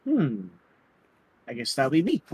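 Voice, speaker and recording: A man's voice: a little high, huge pitch swings, a little slow, slightly rough, no room sound. A man hosting a gaming show, bantering casually as he plays. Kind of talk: casual let's play banter.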